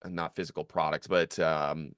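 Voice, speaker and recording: A young man hosting a podcast, talking casually in a rambling way full of fillers and swearing, and getting animated as he goes. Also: a bass voice, moderate pace, smooth, no echo, clean studio sound. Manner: rambling, filler-heavy, profane, gets animated. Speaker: podcast host, former college strength coach.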